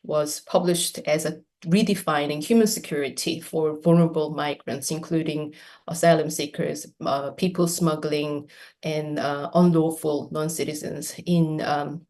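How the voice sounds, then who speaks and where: Woman academic presenting; deep, steady lecture delivery. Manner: measured, lecture-like with fillers. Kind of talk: conference presentation.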